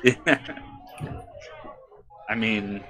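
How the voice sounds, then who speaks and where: A man playing a tabletop game, animated and prone to loud in-character outbursts. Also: on the low side, extremely slow, background noise. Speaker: player. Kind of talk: tabletop role-play.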